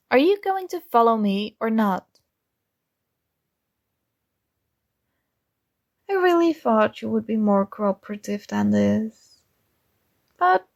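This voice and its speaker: In an ASMR roleplay, a woman voices a possessive young princess who is sweetly controlling and teasing, fully committing to the character. She speaks very slowly, softly, and coaxingly, her slightly high voice carrying a gravelly fry. The recording is close and dry with no echo.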